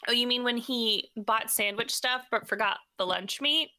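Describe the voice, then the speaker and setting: A young woman co-hosting a casual podcast chat. She is animated, laughs often and mimics her husband. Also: a little high, moderate pace, no room sound, studio quality. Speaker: podcast co-host.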